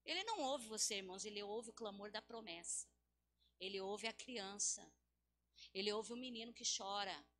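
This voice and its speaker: A woman from Brazil preaching a sermon in church, impassioned and exhorting, swinging from loud calls to low hushed tones. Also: normal speed.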